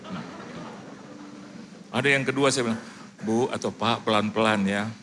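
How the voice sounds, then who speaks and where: A middle-aged Indonesian man preaching a sermon, animated, acting out dialogue in lively quoted voices. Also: lowish voice, moderate pace, background noise. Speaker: pastor. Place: church service.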